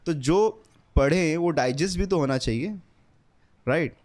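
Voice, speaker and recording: A young English teacher with a slightly high, darkish voice speaks in an animated, unhurried way. His casual spoken lesson includes a book recommendation, and he earnestly repeats his points while mixing English words into his Hindi.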